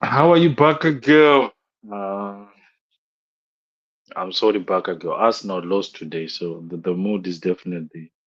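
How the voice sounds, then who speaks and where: A man's voice: deep voice, moderate pace, a bit bright, breathy edge, dull audio. A young man on a live stream, ranting about a football match, repeating himself in exasperation and tossing in "bro" constantly.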